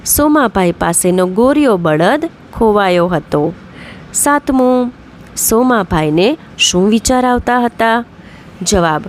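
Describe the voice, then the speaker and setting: A woman's voice: a little high, a little hiss or hum. A woman teacher, reading out workbook questions and then giving each answer. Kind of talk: slow explanatory workbook lesson.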